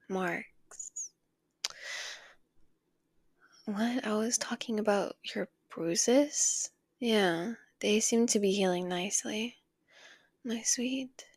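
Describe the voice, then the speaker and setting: In an intimate ASMR roleplay, a woman plays a possessive, doting female villain, coaxing and tender, lingering on pet names. Her medium-pitched, breathy voice often drops to a whisper, and she takes it slowly in a dry recording.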